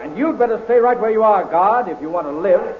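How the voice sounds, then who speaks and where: A man's voice: high voice, expressive, a little fast. An actor playing an invisible heroic young man, a disembodied voice speaking from nowhere in a 1930s radio drama, commanding and threatening. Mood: urgent. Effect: disembodied voice from an unseen speaker. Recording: echoey, tinny, hissy 1930s radio transcription.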